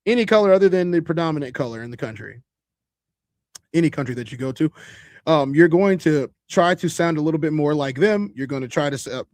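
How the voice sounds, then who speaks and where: A man hosts a casual podcast, his voice pitched high for a man. He talks loosely to his viewers and thinks aloud with restarts. The sound is dry and close. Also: dry recording. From Chicago. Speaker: podcast host.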